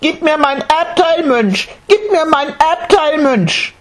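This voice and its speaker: A man's voice: sits high, very animated, measured pace, pitched above the performer's own voice. A man voicing a stubborn seven-year-old boy who insistently repeats his whiny demand in a storybook reading.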